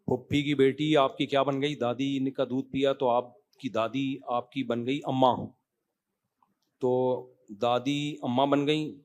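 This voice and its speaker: A man giving an informal religious talk, animated, often checking that listeners follow. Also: medium pitch. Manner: animated, rising to emphatic loud stretches then dropping quiet; conversational, asks listeners rhetorical checks. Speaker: Islamic cleric answering questions.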